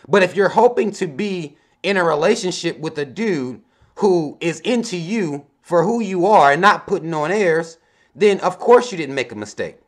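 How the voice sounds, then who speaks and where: A man's voice: high-pitched, lively intonation, normal speed. A man in his thirties hosting a casual advice vlog, reading viewer emails aloud and adding blunt, laid-back commentary with a lot of swearing. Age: 30s. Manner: adds commentary between lines he reads out. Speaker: advice vlogger.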